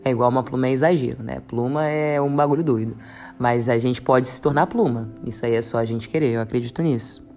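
A woman, teaching a meditation practice in a calm, earnest way and slowly repeating mantras. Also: rumbling low. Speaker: spiritual guide. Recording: soft instrumental music behind.

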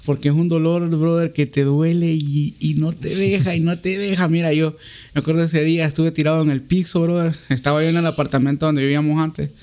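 Casual storyteller, a man with a slightly high voice, lively and chatty. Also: a little fast. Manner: animated, says brother often.

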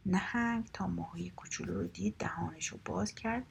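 Soft-spoken woman telling a children's tale. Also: lowish voice, vocal fry, slight background noise. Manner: soft, half-whispered storytelling voice. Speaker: storyteller. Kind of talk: children's story narration.

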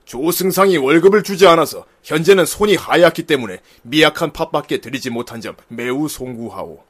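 A man's voice: on the high side, fairly quick, pitched below the performer's own voice, lightly acted. A man voicing a solemn ancient war general who speaks in stiff, archaic formal speech.

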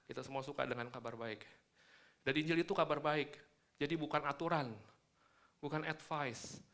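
Male preacher, Indonesian accent, bright forceful delivery, articulation slightly hampered by dental braces, emphatic sermon teaching. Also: a little high, steady tone, moderate pace. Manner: emphatic teaching with repeated check-in tags to listeners.

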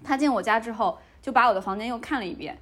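Her voice sits on the high side and she talks fast, a young woman on a podcast recounting a story in casual chat. She brings it to life by playing out the conversation.

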